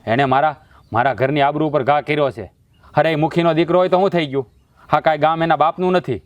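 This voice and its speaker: A man plays a hot-tempered young village brother in a village family drama, heated and angry. His voice is a little high and recorded dry and close. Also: fairly even intonation, fast, no room sound, highs cut off, natural voice. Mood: furious. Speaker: protective brother.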